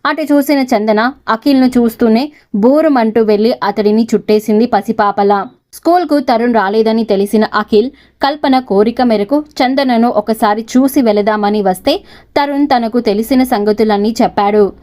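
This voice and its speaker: A woman's voice: fairly high pitch, moderate pace, a little mellow. Woman narrating a serial story.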